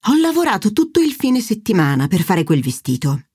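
A woman's voice: mid-range voice, sing-song, a little fast, a little mellow, husky, dry recording, studio quality. A woman voicing a dramatic, flighty middle-aged mother who talks in a lilting, self-pitying way. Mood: theatrical.

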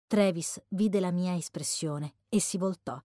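A woman reading a first-person novel aloud as an audiobook narrator, in a measured storytelling manner. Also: on the low side, mellow, no echo, studio quality. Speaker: audiobook reader.

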